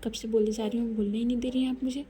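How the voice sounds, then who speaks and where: A woman voicing a calm, firm young woman lover in a whispered role-play, speaking softly in a whisper. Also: a little high, rapid-fire, faint music behind, lightly acted. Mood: annoyed. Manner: soft whispered lines.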